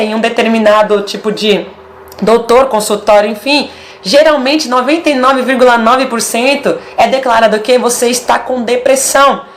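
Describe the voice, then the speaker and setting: Woman, Brazilian Portuguese accent, casual video sermon, emphatic, repetitive short phrases, slightly high voice. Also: a little hiss or hum.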